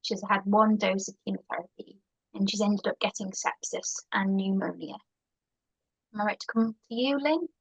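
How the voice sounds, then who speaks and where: A woman's voice: medium pitch, moderate pace, creaky, husky, dry recording, muffled recording. A woman moderating an online session, reading out audience questions politely and briefly, with hesitant fillers.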